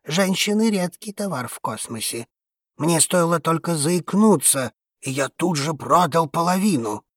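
A woman putting on a husky, gruff old man. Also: low-pitched, lively intonation, normal speed, dry recording, studio quality, pitched below the performer's own voice. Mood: cynical. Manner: surly, blunt and dismissive. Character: gruff cynical old male space trader.

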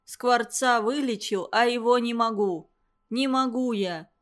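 A woman reading the lines of a grieving middle-aged male village doctor, speaking in pained, halting phrases. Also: on the high side, close to an everyday voice. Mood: anguished.

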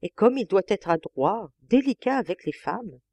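A cheeky young chambermaid coaxes her mistress with calm impudence, as a woman reader voices her. Her pitch rises and falls freely. The sound is dry and close. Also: normal speed, creaky, no room sound. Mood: coaxing. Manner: brazen, coaxing. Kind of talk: audiobook character voice.

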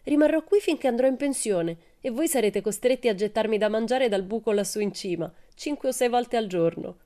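A woman's voice: on the high side, expressive, brisk, mellow, pitched above the performer's own voice, natural voice. A woman voicing a wild, cheerful, boastful girl in a storybook reading, brash and theatrical. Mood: playful boasting.

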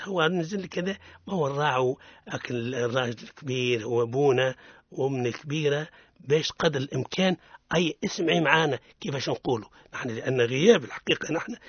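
A man's voice: on the high side, a bit bright, slightly rough, dry recording. Older Tunisian man teaching recitation. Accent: Tunisian Arabic. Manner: switches between classical Arabic explanation and colloquial asides, slows to model words. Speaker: radio Quran recitation teacher. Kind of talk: radio lesson on Quran recitation. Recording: dull lo-fi radio broadcast.

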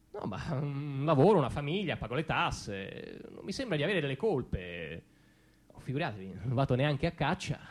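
A man acting a defensive, evasive ordinary father in a halting, repetitive theatrical monologue. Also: on the high side, heavily acted. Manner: hesitant, halting, repeating himself. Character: defensive ordinary middle-class father, evasive about his past. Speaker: stage actor performing a monologue. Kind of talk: theatrical comic monologue, as if answering questions.

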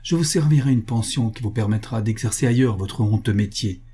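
A man's voice: on the low side, a little fast, dark tone, husky. A man reading the part of a young, proud noble heiress who speaks in a cold, decisive, commanding manner. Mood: stern.

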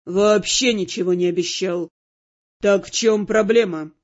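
A woman putting on a young fire mage guy, cold and clipped, voice pushed low, timbre shifted away from hers, dull lo-fi sound. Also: fairly even intonation, a little slow, mellow. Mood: cold, dismissive. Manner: curt, dismissive, cutting. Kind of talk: audiobook character voice.

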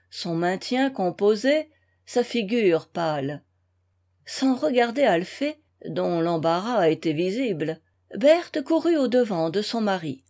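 A woman reads a classic novel aloud at a very slow, careful pace. Her voice sits at a middle pitch and stays measured and clear throughout. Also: warm tone. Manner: measured, unhurried, clear reading. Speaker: audiobook reader. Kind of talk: scripted narration of a classic novel.

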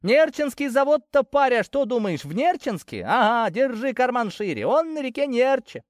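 A man voicing a sly, mocking young peasant in an audiobook, his voice pitched well above his own. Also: big pitch swings, moderate pace, dry recording, studio quality. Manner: high-pitched, needling.

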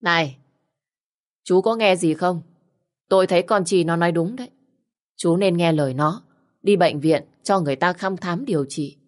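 A woman's voice: fairly low pitch, moderate pace, pauses often, lightly acted. A woman voicing a stern, bossy but caring older relative who scolds and insists. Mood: persuading.

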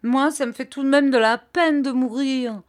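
Audiobook character: a scared male detective whining like a child, read by a woman, pitched high and plaintive. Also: steady tone, normal speed. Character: tearful frightened male detective.

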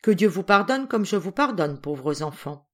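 A woman reading an audiobook who voices a kind, pious mother in a soft, calm tone. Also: on the low side, normal speed. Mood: gentle.

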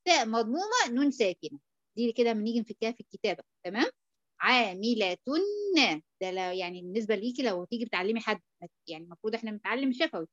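An Egyptian woman with a fairly high voice teaches tajweed patiently, stretching out syllables to show how they sound and asking often whether it is clear. The recording is muffled and dull. It is dry, with no room echo. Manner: patient, checks understanding often, drawn-out demonstration syllables. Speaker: Quran recitation teacher. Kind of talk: tajweed lesson.

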